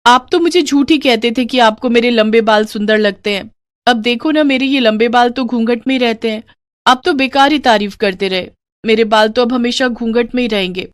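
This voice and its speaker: A woman voicing a shy young newlywed bride who speaks softly and pleadingly. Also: on the high side, normal speed, pitched above the performer's own voice, natural voice. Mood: teasing complaint.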